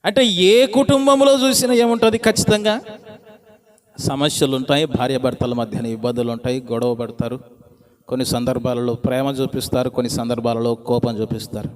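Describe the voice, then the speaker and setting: A man preaching a sermon as pastor. He repeats phrases in a steady rhythm and calls on the congregation to answer him aloud. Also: mid-range voice, brisk.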